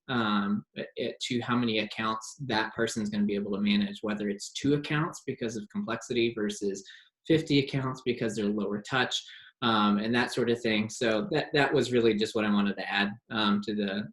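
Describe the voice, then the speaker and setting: A man's voice: medium pitch, a bit bright. A man taking part in a video call discussion, speaking thoughtfully with some restarts. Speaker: participant. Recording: roomy echo.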